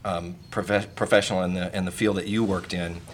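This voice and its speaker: A man's voice: deep voice, little pitch movement, brisk, a little hiss or hum. A man who is a clinical psychologist, talking hesitantly as a radio guest with many fillers and restarts. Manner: hesitant, many fillers, self-deprecating chuckles. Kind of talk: casual interview talk.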